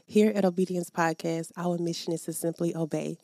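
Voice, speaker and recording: On her faith podcast, a cheerful woman addresses the audience and prays out loud. Her lowish, mellow voice moves little in pitch and comes at a brisk pace. It's captured on a podcast microphone with no room sound.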